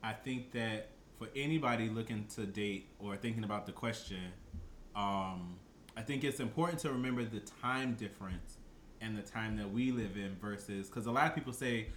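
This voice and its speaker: A man co-hosting a podcast, speaking in a measured, reflective way with quick teasing interjections. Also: lowish voice, a bit bright. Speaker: podcast co-host. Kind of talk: casual chat. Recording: echoey room, faint background noise.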